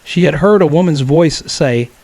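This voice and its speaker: A man telling a true horror story as scripted narration, in a calm, measured way. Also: a little high, dry recording.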